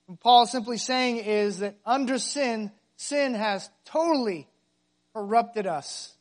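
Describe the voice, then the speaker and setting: A man with a high voice preaching from the pulpit. He speaks with emphasis and keeps asking his congregation rhetorical questions. He comes across as a middle-aged pastor in the middle of a sermon. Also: takes it slowly.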